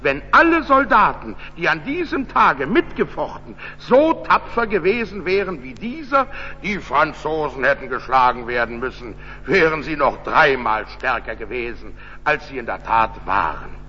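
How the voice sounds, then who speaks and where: A man reading an old-fashioned short story aloud in a measured storytelling manner. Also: fairly high pitch, expressive, sharp tone. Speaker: reader. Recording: dull echoey recording with faint hum.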